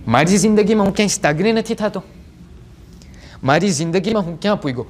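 A seventeen-year-old young man giving a religious sermon to a gathering, telling the story with animated delivery and rhetorical questions. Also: high-pitched, quick pace, slight background noise. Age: 17, teenage. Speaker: majlis preacher.

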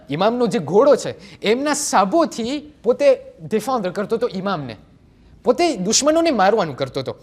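A seventeen-year-old young man giving a religious sermon to a gathering, telling the story with animated delivery and rhetorical questions. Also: very high voice. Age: 17, teenage. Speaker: majlis preacher.

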